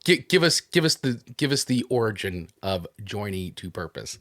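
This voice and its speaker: A man's voice: on the low side, sing-song, normal speed, fairly bright tone, no room sound. A man with a New Jersey accent hosting a podcast interview, upbeat and enthusiastic as he promotes the show and greets his guest. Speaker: podcast host.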